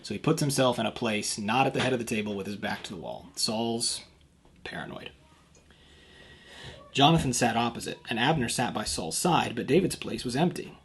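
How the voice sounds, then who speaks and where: A man's voice: mid-range voice, fast, hardly any pauses, breathy edge. A man giving a devotional talk as a youth pastor, reading the passage aloud and stopping to explain it in plain words. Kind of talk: devotional scripture reading and commentary.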